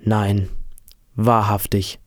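A man's voice: lowish voice, flat delivery, extremely slow, dry recording, studio quality. A man reading a storybook aloud, voicing an exhausted, defeated old fisherman who speaks in a tired, resigned way. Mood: weary.

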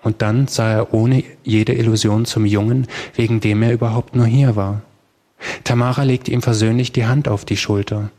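A man's voice: lowish voice, fairly even intonation, moderate pace, dark tone. Man reading a story aloud. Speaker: narrator. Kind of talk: audiobook narration.

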